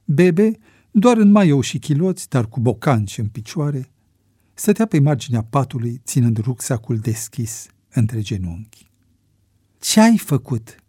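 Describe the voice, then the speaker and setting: Male audiobook narrator, animated delivery, mellow husky tone, dry studio sound. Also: mid-range voice, no room sound. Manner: expressive storytelling. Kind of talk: scripted narration.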